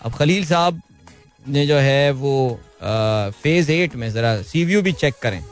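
A man's voice: mid-range voice, animated, takes it slowly, faint music behind. A man with a Pakistani Urdu accent hosting a live morning show in a breezy, chatty, informal way.

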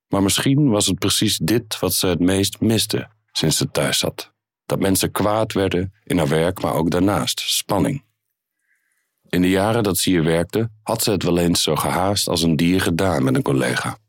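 Deep-voiced man reading his story. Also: husky, no echo, studio quality.

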